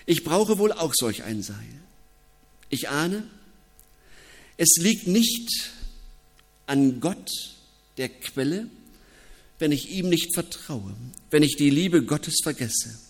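A man preaching a reflective, personal sermon as pastor, with thoughtful pauses. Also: fairly high pitch, expressive. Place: church. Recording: long reverb of a church.

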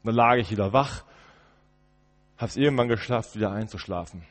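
A man's voice: fairly low pitch, moderate pace. Dramatic male preacher in an echoey church. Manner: dramatic, swinging between loud outbursts and hushed murmurs. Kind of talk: first-person dramatic sermon monologue.

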